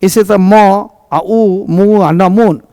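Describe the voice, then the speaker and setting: A man's voice: high voice, drawn-out words, warm tone, no room sound. A man teaching English pronunciation in a classroom lesson, speaking Indian English and switching between Hindi and English as he spells out example words.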